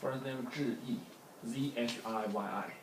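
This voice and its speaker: A man's voice: mid-range voice, fairly even intonation, measured pace. A man who is a native Chinese speaker, answering an examiner and checking instructions. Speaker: student being assessed. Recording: echoey, distant mic, faint noise.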